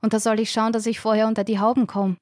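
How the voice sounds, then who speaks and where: A woman's voice: fairly high pitch, level tone, quick pace, darkish tone, no echo, studio quality, voice pushed up, lightly acted. A woman voicing a tearful, devoted young country woman. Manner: tearful, pleading.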